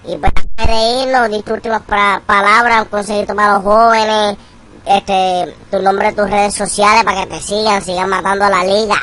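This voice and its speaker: Woman hosting an interview, middle pitch voice, hyped and slangy. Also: little pitch movement, moderate pace, a bit bright. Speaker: interview host. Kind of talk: casual interview talk.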